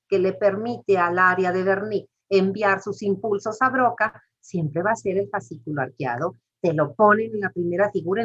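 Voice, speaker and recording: Husky woman lecturing a class. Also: mid-range voice, fairly bright tone. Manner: explains step by step, asks the class questions. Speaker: teacher. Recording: muffled lo-fi recording.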